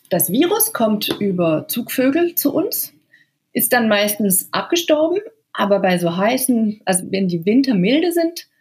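Eine Frau, Buchautorin, die per Videoschalte lebhaft und anschaulich im Interview erzählt. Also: female voice, medium pitch. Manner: lively, vivid storytelling. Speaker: book author and guest. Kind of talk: storytelling in an interview. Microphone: remote video call.

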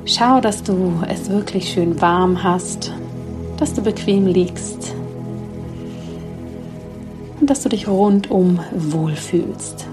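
Soothing woman narrating a sleep meditation over music. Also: mid-range voice. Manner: soothing, slow, soft delivery with long pauses. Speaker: podcast host leading a guided sleep meditation. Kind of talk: guided sleep meditation, like a bedtime sleep story narrator.

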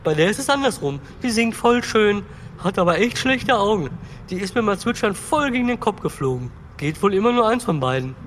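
A man's voice: high voice, animated, brisk, a little hiss or hum. An actor voicing a cheerful young male foal who talks in casual slang in a children's audio drama. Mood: chatty.

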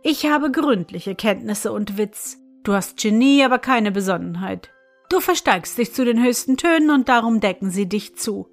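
A woman's voice: fairly high pitch, animated, normal speed, faint music behind. A woman voicing a smug, self-satisfied green parrot in a storybook reading, speaking in a lofty, lecturing way.

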